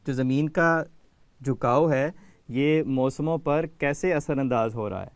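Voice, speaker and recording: A man's voice: mid-range voice, no echo. A man hosting a children's education program, patiently calling on kids by name to answer quiz questions.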